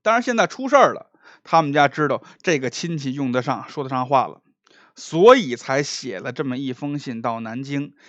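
A man telling a classic tale aloud, his pitch swooping with drama. The sound is close and dry, a little muffled. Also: dry recording. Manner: animated, dramatic pauses and rises. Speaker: storyteller. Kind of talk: traditional oral storytelling.

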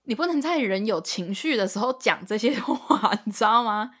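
A woman's voice: fairly high pitch, animated, normal speed, a bit bright. A young woman, co-hosting a casual podcast chat and venting in an exasperated, ranting way. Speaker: podcast co-host.

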